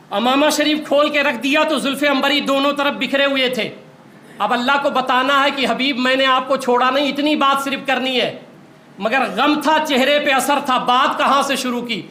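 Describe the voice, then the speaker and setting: A man's voice: extremely high pitch, bright, forceful tone. A man preaching a sermon in an impassioned, rising voice, recorded in a large echoey hall.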